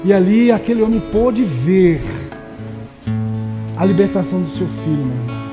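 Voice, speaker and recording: A male pastor preaching a sermon with passion, swinging between loud declarations and soft, low asides. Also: very animated, moderate pace, in a large hall, music in the background. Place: church.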